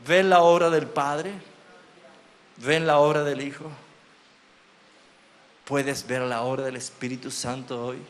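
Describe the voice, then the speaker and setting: A man preaching a sermon as pastor, swinging between loud proclamation and hushed, drawn-out phrases. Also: mid-range voice, flat delivery. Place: church sanctuary. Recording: long church hall reverb.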